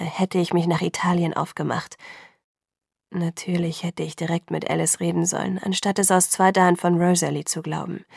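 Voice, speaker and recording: A woman voicing a brooding young male vampire in a whispered role-play, speaking slowly, low and earnest. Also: vocal fry, breathy edge, no room sound, studio quality, exaggerated voice. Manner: hushed, low, slow and earnest.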